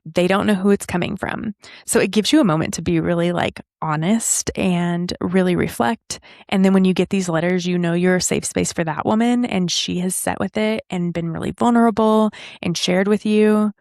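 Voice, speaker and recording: Earnest woman hosting a podcast, gravelly edge. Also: fairly low pitch, a little mellow, no room sound, clean studio sound. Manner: earnest, emphatic, slows down for key lines. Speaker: podcast host. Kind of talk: reflective podcast monologue.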